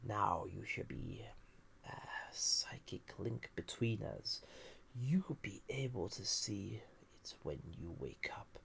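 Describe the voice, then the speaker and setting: A man with a fairly low, slightly bright voice plays a dangerous, flirtatious villain, banished, ancient and lonely, in an intimate roleplay audio drama. Breathy and often half-whispered, he teases with languid pauses, but his animated, heavily acted delivery sounds urgent and intent.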